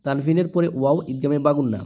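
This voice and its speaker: A man teaching Quran reading in a slow, patient lesson, spelling each word letter by letter and repeating it. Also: a little high, warm tone. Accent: Bangladeshi Bengali.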